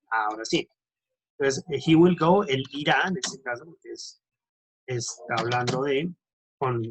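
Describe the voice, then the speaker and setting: Husky bilingual teacher, man. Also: mid-range voice, a bit bright, low-quality recording. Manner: switches between English and Spanish, corrects himself often; checks in with students constantly. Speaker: English teacher. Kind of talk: online grammar lesson.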